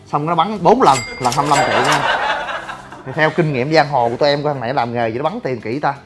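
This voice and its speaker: A man's voice: a little high, quick pace, over loud music. A young man, talking bluntly and brashly in a rambling livestream monologue. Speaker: gym owner and online personality.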